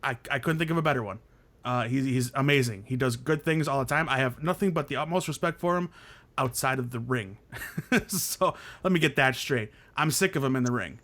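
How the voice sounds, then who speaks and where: A man hosting a casual wrestling podcast, ranting in an animated way and laughing often. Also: mid-range voice, brisk. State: hiccuping. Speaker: podcast host.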